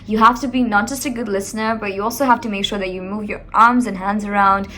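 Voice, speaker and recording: A woman coaching communication skills, giving motivational advice in an expressive, animated way, speaking straight to the viewer. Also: mid-range voice, fast, slight background noise.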